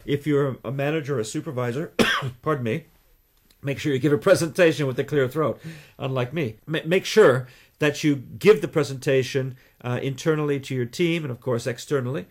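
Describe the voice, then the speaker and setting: A Canadian man talking as a guest in a radio interview, explaining things in a measured way with deliberate pauses. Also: mid-range voice. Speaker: guest, communication trainer.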